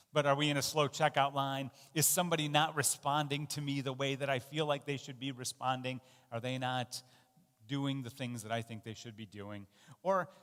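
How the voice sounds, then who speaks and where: A man's voice: medium pitch, fairly bright tone, big-room sound. A man giving a sermon in a conversational, self-deprecating way, with fillers and restarts. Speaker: pastor. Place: church.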